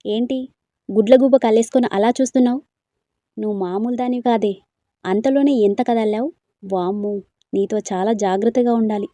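A woman's voice: fairly high pitch, brisk, pauses often, dark tone, no echo, lightly acted. A woman reading a storybook, voicing a cheeky young man who teases playfully. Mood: teasing. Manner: playful teasing.

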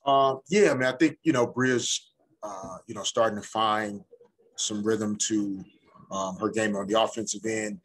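A middle-aged man, a head coach, answers postgame press questions in a measured, thoughtful way. He often pauses to find his words, and he is recorded on a desk microphone in an indoor press room. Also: lowish voice. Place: indoor press room before a sponsor backdrop. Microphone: desk microphone in front of him.

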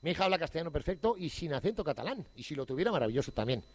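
A man's voice: a little high, sing-song, rapid-fire, darkish tone. A man from the gives a humorous festival opening speech, irreverent and joking, swearing freely. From Basque Country. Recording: echoey hall reverb.

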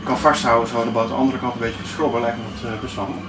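Speaking very fast in a level, mid-range voice, a sailing vlogger in his fifties still sounds hesitant, searching for words during an informal on-camera demonstration. He is at the navigation desk inside a sailboat's cabin, and the camera sits a few steps away, leaving the sound roomy, distant, and clearly noisy.

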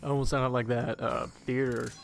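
A man's voice: medium pitch, little pitch movement, moderate pace, gravelly. A young man doing jokey, rambling let's-play commentary as channel host.

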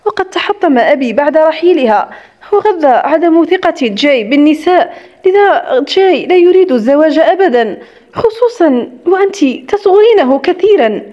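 A gentle, loyal young woman, played by a woman reading an audiobook speaks in a soft, soothing way. Her voice sits high. The recording sounds slightly dull and lo-fi. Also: expressive, moderate pace.

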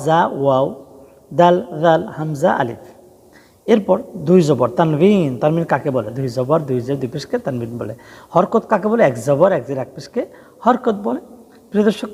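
Man, Quran reading teacher, drilling letter combinations, fairly high pitch, reverberant hall. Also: darkish tone. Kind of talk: spelling-out Arabic letter lesson.

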